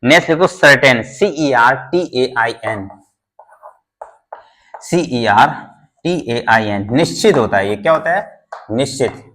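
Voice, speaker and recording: In a Hindi-language classroom lesson, a man teaches English vocabulary, repeating each word, spelling it letter by letter and quizzing his students. His medium-pitched voice is expressive, fairly quick, pushed and bright.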